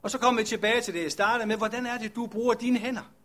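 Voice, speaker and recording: A man's voice: extremely high pitch, pushed and bright. A man preaching a sermon as a pastor, speaking in an earnest, reflective way and putting questions to his listeners.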